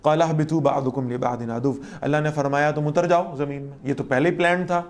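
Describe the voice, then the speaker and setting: Woman w/ tinged teaching quran, recites then explains, lively. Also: deep voice. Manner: explains verse by verse, recites Arabic then translates; lively, asks the listeners questions. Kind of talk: Quran lesson.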